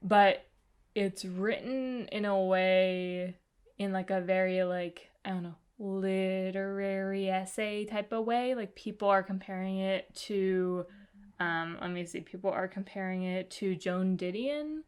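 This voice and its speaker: A woman's voice: medium pitch, steady tone, unhurried, clean tone. A young woman casually reviewing books she read, chatty and full of "like" and "um". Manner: chatty, lots of fillers and "like". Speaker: book vlogger. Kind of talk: casual book review chat.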